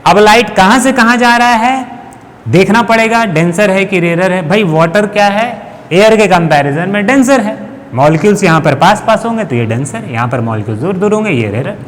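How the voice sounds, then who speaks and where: A man's voice: sits high, a bit bright, long reverb tail, a little hiss or hum. A man teaching a physics lesson to school students, explaining step by step and asking and answering his own questions, speaking. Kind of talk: classroom lecture.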